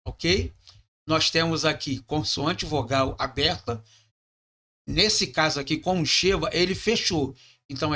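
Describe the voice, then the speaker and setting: Bright-voiced teacher explaining grammar. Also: male voice, on the high side. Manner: explanatory, checks in with "tá?" and "ok?". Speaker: Hebrew teacher. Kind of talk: classroom lecture.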